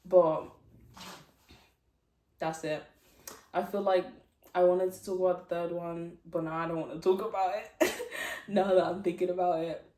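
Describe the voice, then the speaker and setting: A woman's voice: lowish voice, steady tone, moderate pace, long pauses, warm tone. A young woman casually telling a story, giggly and rambling with lots of fillers. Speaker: vlogger. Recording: echoey room, distant mic.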